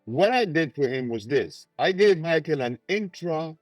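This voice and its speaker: A man in an archive interview clip, telling a story and retelling dialogue in a plain, unhurried way. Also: on the high side, lively intonation, dry recording, faint music behind. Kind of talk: casual storytelling.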